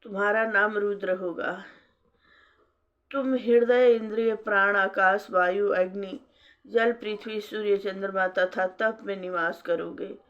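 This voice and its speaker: A woman's voice: mid-range voice, fairly even intonation, measured pace, lightly acted. A woman voicing a solemn creator god. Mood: commanding. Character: solemn male creator god giving commands. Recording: dull lo-fi recording.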